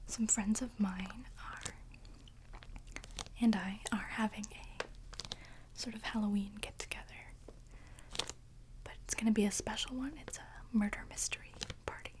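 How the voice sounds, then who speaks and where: Slow, whispering ASMR woman. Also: mid-range voice, a little mellow, rough recording. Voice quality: breathy, unvoiced whisper. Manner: slow, hesitant, pausing between short phrases. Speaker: ASMR video host. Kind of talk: soft whispered ASMR chat to viewers.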